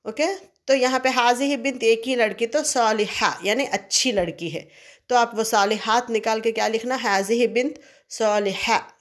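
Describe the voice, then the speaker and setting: A woman teacher going through an exam revision lesson step by step, posing questions to her students and answering them, checking in with "okay?" often. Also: on the high side.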